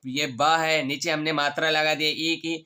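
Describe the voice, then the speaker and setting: A man teaching vowel marks, patiently reciting letters in a steady rhythmic drill. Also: a little high, clear, resonant tone. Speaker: Urdu teacher. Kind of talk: online reading lesson, letter drills.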